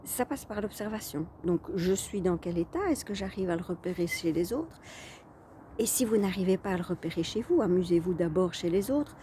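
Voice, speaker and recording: A woman coach chats to her viewers in a casual vlog, pausing often on fillers and restarting her phrases. Her voice sits fairly low and sounds mellow and relaxed. A faint hum of room ambience stays behind her. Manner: chatty, hesitant with frequent fillers and restarts. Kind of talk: casual talking-head vlog.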